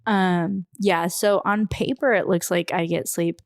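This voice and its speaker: A woman in her thirties, a podcast co-host, chatting casually and telling rambling, animated stories about her kids. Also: fairly low pitch, a little slow, no room sound, clean studio sound. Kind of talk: casual chat.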